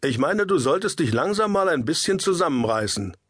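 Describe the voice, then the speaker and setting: A scornful older brother needles and mocks, voiced by a man narrating an audiobook. The voice is lifted higher than the reader's own and stays husky. The recording is close and dry. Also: big pitch swings, fairly quick, fairly bright tone, no echo, heavily acted.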